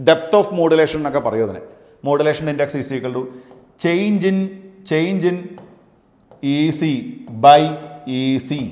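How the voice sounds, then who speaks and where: Slow-dictating teacher in an echoey hall. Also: male voice, a little high, darkish tone. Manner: dictates definitions slowly, asks the class questions. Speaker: physics teacher. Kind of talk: classroom lecture. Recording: echoey room with long reverb.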